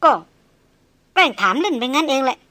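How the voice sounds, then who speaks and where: A woman's voice: sits high, animated, normal speed, bright, forceful tone, no echo, pitched above the performer's own voice. A woman voicing a sarcastic young noblewoman. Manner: sarcastic, clipped retorts. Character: proud, sharp-tongued young noblewoman, jealous. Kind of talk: audiobook character reading.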